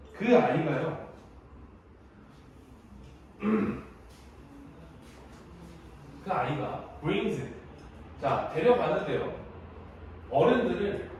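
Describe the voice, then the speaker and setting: Young male teacher, casual and chatty, animated delivery, distant mic, very echoey room. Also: fairly high pitch, slight background noise. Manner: chatty storytelling, lively, laughs often. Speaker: high school English teacher. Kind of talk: casual classroom lecture.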